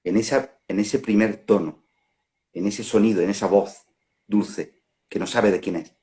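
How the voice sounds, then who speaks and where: A man's fairly low voice, with a Spain accent, carries a calm, reflective spiritual talk. As a non-duality facilitator on a phone live stream, he muses unhurriedly and laughs at the examples he comes up with.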